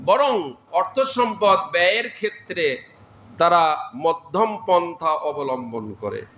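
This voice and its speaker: A man's voice: high-pitched, animated, takes it slowly, a bit bright, muffled recording. A man preaching a sermon, explaining scripture verse by verse and often breaking into exclamations of praise. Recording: echoey room.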